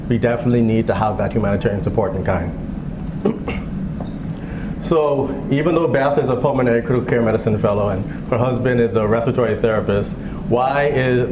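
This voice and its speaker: A man from the Bahamas in his thirties, a physician giving a fundraiser speech with a relaxed manner and joking asides. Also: medium pitch. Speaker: guest speaker, physician. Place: event hall. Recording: echoey hall with background noise.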